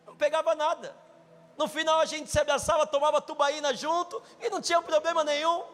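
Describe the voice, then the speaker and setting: Brazilian guy preaching, joking around, gets shouty, high voice, big echoey hall. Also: a little fast. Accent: Brazilian Portuguese. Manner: jokey and animated, rising to shouts. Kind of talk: sermon with humorous personal stories. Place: church stage with live audience. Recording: long hall reverb, faint music.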